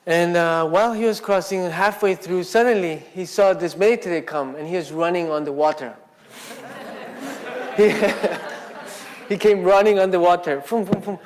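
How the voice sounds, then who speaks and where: A man's voice: high-pitched, normal speed. A man giving a casual, conversational Buddhist talk at a meditation centre, telling a story and acting out the quotes with lots of "you know" and "like". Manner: casual and conversational, filler-heavy, acts out quotes.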